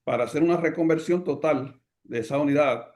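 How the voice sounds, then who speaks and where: A man with a Puerto Rican Caribbean Spanish accent delivers political commentary as a program host, in deliberate, emphatic phrases. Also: a little high, darkish tone. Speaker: host of a current affairs program.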